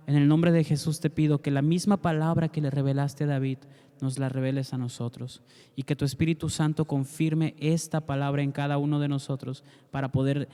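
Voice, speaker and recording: A man's voice: medium pitch, mellow, clean tone. A man teaching a Bible class, speaking earnestly and directly to the listener, and leading a prayer. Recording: long reverb.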